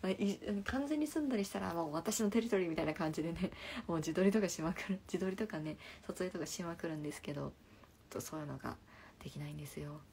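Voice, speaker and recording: A young woman hosting a casual live stream, chatting through viewers' comments and often dropping into a soft half-whisper, speaking into a phone. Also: lowish voice, quick pace, a little hiss or hum. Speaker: livestream host.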